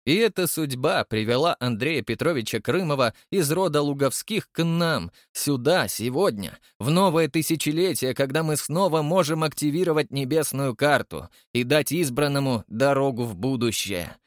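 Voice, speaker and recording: A man voicing a triumphant old male chairman who believes in fate, speaking in drawn-out, exclamatory bursts. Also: mid-range voice, expressive, no echo, studio quality, natural voice. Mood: solemn. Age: older. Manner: exclamatory, drawn-out emphatic words.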